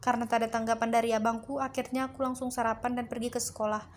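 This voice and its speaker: Female storyteller, horror narration, higher voice, faint background noise. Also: level tone, very fast.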